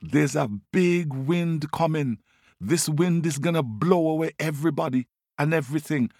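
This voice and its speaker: A man voicing a clever male trickster rabbit who gives brisk orders and rushes in a panic when scheming, in a storybook tale. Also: fairly high pitch, darkish tone, dry recording, studio quality, voice pushed up. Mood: frantic. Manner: brisk, commanding, turns frantic when scheming.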